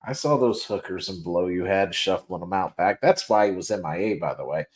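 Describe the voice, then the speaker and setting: A man with a somewhat low voice hosts a casual gaming news stream, tired and given to yawning. He jokes with his co-host, laughs often and circles back over unfinished sentences. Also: a little fast. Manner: joking, laughing often, trailing restarts. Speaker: podcast host. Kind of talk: casual livestream chat.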